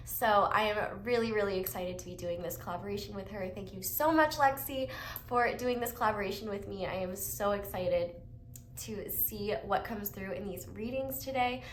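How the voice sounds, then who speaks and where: A young woman recovering from a cold does a casual pick-a-card tarot reading, chatty and upbeat with lots of fillers. Her voice is mid-range and moderately paced, recorded in an echoey room with faint ambience and slight background noise.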